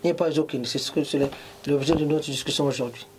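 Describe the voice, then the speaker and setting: A man's voice: a little high, steady tone, fast talker, slight background noise. A middle-aged man from Congo, a fashion designer, interviewed in a clothing shop, mixing French and Lingala with emphasis. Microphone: handheld mic held by interviewer.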